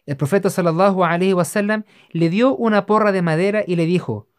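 Steady measured reader of religious history. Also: medium pitch, clean tone. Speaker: narrator. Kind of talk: scripted narration of religious history.

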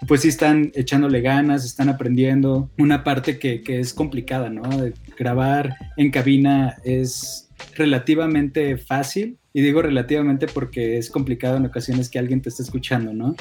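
A man's voice: medium pitch, a little mellow. Rambling man on a radio show. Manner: rambling, many fillers and restarts. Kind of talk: casual radio show chat.

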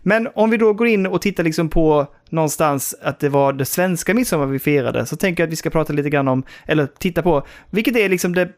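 A man from Sweden co-hosting a podcast, talking over games in a relaxed chat. His voice sits a little high, and he often pauses and restarts as he thinks. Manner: thoughtful, hesitant, many restarts. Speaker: podcast co-host. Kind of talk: casual chat.

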